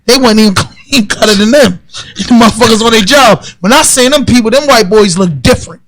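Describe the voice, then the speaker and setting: A high-pitched Baltimore man in his forties runs this podcast interview. He asks blunt, probing questions in loose street slang. His voice sits dry and close to the mic. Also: brisk, a bit bright, no echo. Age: 40s. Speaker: podcast host. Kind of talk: casual interview chat.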